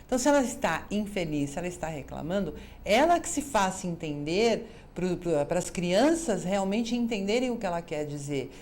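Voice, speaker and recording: Brazilian woman giving lively advice. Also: fairly low pitch, moderate pace, hardly any pauses. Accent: Brazilian Portuguese. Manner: lively, acts out quoted dialogue. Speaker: psychologist host. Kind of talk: advice talk to viewers.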